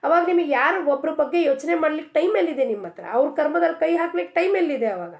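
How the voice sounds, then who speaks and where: A woman's voice: high voice, lively intonation, fast talker, a little mellow, muffled recording. A woman giving an earnest devotional discourse, asking many rhetorical questions. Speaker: spiritual speaker.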